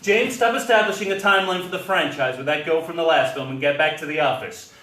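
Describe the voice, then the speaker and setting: A man's voice: on the high side, fast talker, pushed and bright. A man voicing an impatient female spy chief in a clipped, bossy way. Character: stern spy chief woman, impatient boss. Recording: roomy live stage sound from a distance.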